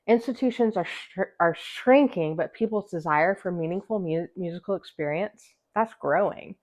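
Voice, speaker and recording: A woman's voice: fairly low pitch, moderate pace, darkish tone. A woman with a slight lisp from wearing a retainer, hosting an emphatic, scripted advice vlog for fellow musicians. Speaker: host, music teacher and musician. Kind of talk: scripted direct-to-camera vlog, encouraging advice.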